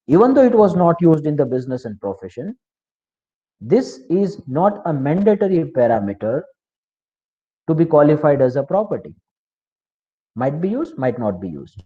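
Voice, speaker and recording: Indian English male lecturer, warm higher voice, repeats key terms, quizzes the class, lo-fi call audio. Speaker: tax law lecturer. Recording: slightly dull, lo-fi.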